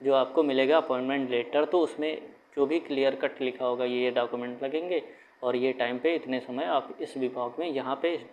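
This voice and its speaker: A man of ordinary pitch talks candidates through an exam process in a loose, conversational way. He repeats points and restarts phrases as he goes. The recording sounds muffled and lo-fi, with a faint background hiss. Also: steady tone, moderate pace. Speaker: exam guidance YouTuber. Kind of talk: casual explainer talk to camera. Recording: dull lo-fi sound with faint room noise.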